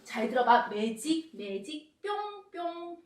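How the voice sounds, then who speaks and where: A woman's voice: sits high, animated, slow pace. A woman performing like a kids party magician, coaxing a young child along with playful questions. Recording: echoey room, distant mic, some noise.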